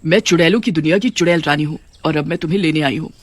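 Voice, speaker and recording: Brief: gracious cartoon witch queen, a woman putting her on, calm and regal, dry recording. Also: sits low, racing, no room sound.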